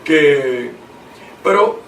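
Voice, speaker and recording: High-pitched male preacher, emphatic, reads verses slowly; distant mic in a roomy space. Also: expressive, gravelly, a bit bright. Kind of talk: preaching in conversation. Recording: echoey room, mic at a distance, faint noise.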